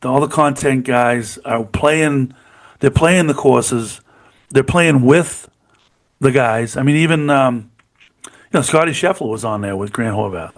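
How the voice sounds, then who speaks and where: A man's voice: mid-range voice, a little slow. Chatty man talking sports. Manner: rambling, enthusiastic, repeats "you know what I mean". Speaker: podcast co-host. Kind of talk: casual sports chat.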